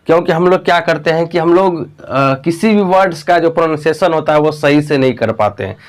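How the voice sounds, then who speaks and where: A man's voice: on the high side, darkish tone. Hindi-speaking man teaching English pronunciation. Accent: Bihari Hindi. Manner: addresses viewers as "my dear students", repeats words slowly to model pronunciation. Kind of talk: whiteboard classroom lesson.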